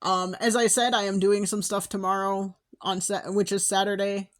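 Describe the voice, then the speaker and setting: A young woman hosting her own podcast, rambling in a casual personal monologue and laughing often, her voice going hoarse. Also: medium pitch, level tone, moderate pace. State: losing her voice. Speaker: podcast host.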